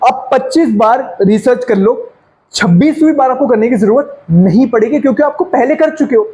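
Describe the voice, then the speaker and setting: A man coaches a class on sales. His voice sits very high for a man. He talks with lots of energy, fast and chatty, and drops English phrases into his lessons. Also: expressive, warm tone, poor audio. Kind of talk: sales training lecture.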